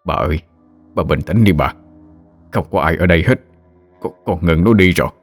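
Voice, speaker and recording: A man voicing a guilt-ridden middle-aged husband who speaks softly and pleads. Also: low-pitched, fairly even intonation, moderate pace, faint music behind. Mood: pleading.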